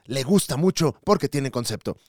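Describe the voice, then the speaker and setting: A man with a Mexican Spanish accent co-hosting a casual comedy podcast, jokey and animated, with asides. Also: medium pitch, normal speed, no room sound, studio quality. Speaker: podcast co-host.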